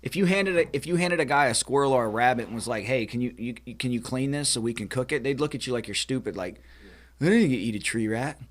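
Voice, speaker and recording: A man's voice: mid-range voice, fast. An American man holds forth in a casual group chat. He talks emphatically and often restarts his sentences as he makes his point. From United States. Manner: emphatic, lecturing, with many restarts. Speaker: podcast co-host.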